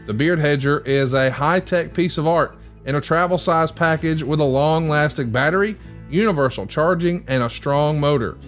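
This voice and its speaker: A man hosting a podcast, giving casual watch-along commentary and reading sponsor spots. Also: fairly high pitch. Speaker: podcast host.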